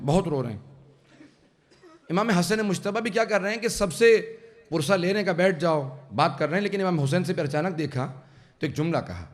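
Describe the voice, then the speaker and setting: A man preaching a mourning sermon who tells the story to the gathering and builds into impassioned, tearful recitation. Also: fairly high pitch. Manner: addresses the audience directly. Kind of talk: Urdu majlis sermon. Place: religious centre hall.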